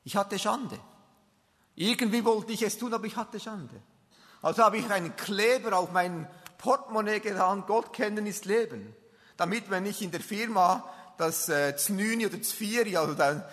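High bright Swiss German man preaching. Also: normal speed. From Switzerland. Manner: earnest, emphatic, storytelling. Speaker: lay preacher. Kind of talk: testimony sermon. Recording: long reverb of a large hall.

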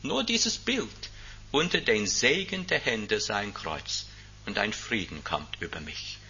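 A man's voice: animated, slow, slight background noise. Older male pastor, impassioned. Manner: impassioned, swings from loud emphatic peaks to quiet intimate lows. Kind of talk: sermon. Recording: dull lo-fi recording.

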